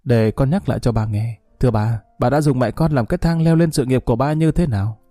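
A man's voice: medium pitch, a little fast, dark tone, no echo, natural voice. A man voicing a grieving young man who answers his father with cool, mocking sarcasm. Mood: bitter.

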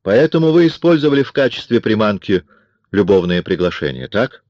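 A man voicing a cold, mocking man in an audiobook, with a smooth, coolly taunting manner. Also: lowish voice, very animated, fairly quick, a little mellow, no room sound, lo-fi sound, voice pushed up. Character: cold, mocking man forcing himself on a woman. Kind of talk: audiobook character reading.

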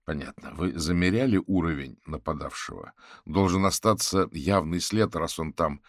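Male reader as a deep, calm, dry detective sorcerer; unhurried. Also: gravelly, no echo.

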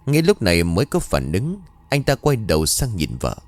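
Deep-voiced male horror storyteller. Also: huge pitch swings, fairly quick, dry recording. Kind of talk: scripted horror story narration.

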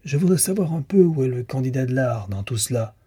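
A man's voice: mid-range voice, animated, a little fast, mellow, husky, voice pushed up. A man voicing a haughty male artist talking down to a crowd. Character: haughty male painter, condescending.

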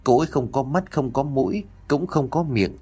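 A man's voice: mid-range voice, lively intonation, normal speed, warm tone, husky, voice pushed up. A man voicing a frightened, sick little boy of about four who speaks in a small, timid voice, in an audio story.

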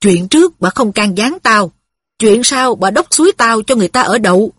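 A woman voicing a bitter, quick-tempered widow who speaks in a scolding, resentful way. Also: on the high side, expressive, fairly bright tone, no echo, studio quality.

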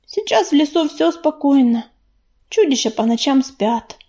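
A woman voicing a gentle, homebound female house cat in an audiobook, speaking softly and earnestly. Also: sits high, very animated, a little slow, heavily acted.

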